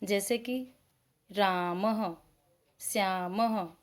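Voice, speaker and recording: A woman teacher gives a lesson to young children, speaking slowly and carefully. She pronounces each sound distinctly, asks the class questions and answers them herself. Her voice sits at a medium pitch. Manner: slow, spelled-out pronunciation.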